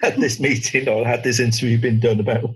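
A man's voice: mid-range voice, level tone, brisk, slightly rough. A man hosting a podcast interview, chatty and friendly, often restarting his phrases. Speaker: podcast host. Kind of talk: casual interview.

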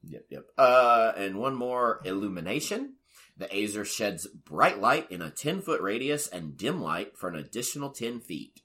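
A man's voice: on the low side, normal speed. A man co-hosting a casual podcast, reading monster rules from a tabletop game aloud and chatting with friends. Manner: reads game rules aloud in a lively, animated way. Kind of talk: casual chat.

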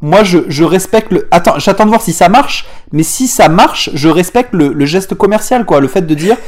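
A man's voice: high-pitched, lively intonation, normal speed. Sardonic man with a southern French accent. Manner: sardonic, emphatic repetitions. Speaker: podcast co-host. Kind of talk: casual film review chat.

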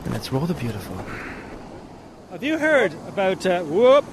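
A man's voice: high voice, huge pitch swings, normal speed. A man interviewing people casually on location outdoors. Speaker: interviewer, presenter. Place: outdoors by the sea. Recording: noisy outdoor location recording.

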